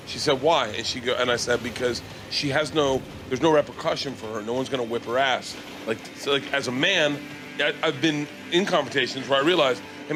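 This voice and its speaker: A man in a casual chat, blunt and opinionated, swearing and restarting his sentences. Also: medium pitch. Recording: noisy background.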